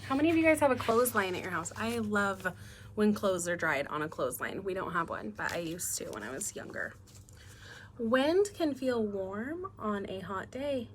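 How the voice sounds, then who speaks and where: An elementary school teacher gives a read-aloud lesson to young children, instructing them and often asking them questions. Her medium-pitched voice is animated and moves at normal speed, with a little hiss or hum in the recording.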